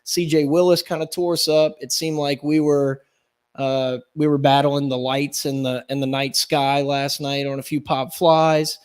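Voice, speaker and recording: A man hosting a casual sports podcast, upbeat and talking in quick bursts. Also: on the high side, flat delivery, a little mellow, smooth. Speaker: podcast host.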